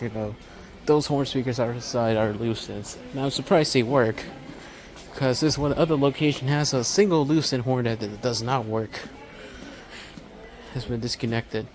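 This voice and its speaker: A man with a medium-pitched voice and a slight hiss or hum on the audio rambles off the cuff through a big hardware store. He's an amateur video maker filming like an eager hobbyist, with store music playing behind him.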